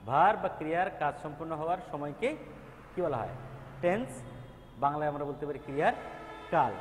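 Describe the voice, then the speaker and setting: A man's voice: fairly high pitch, animated, fairly quick, slight background noise. A man teaching a recorded grammar lesson, patiently repeating terms and drilling their pronunciation. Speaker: English teacher. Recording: echoey reverberant room.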